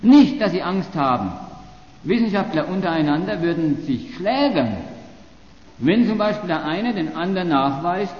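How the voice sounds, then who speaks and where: Male lecturer, fairly high voice, sarcastic and argumentative, dull lo-fi recording. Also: lively intonation, normal speed, roomy sound, long reverb tail. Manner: sarcastic, argumentative, restarts phrases. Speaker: university lecturer. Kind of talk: polemical lecture.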